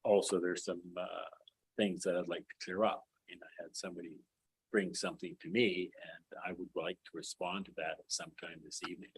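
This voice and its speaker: A city councillor speaking at a council meeting in a halting way, tired and restarting often. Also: male voice, low voice, little pitch movement, breathy edge, rough recording. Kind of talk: council debate. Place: council chamber.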